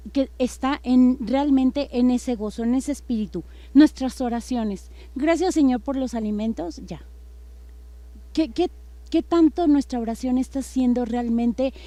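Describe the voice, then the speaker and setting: A woman's voice: high-pitched, dark tone, no echo. A woman giving a sermon-style church teaching, earnest, with frequent fillers and restarts.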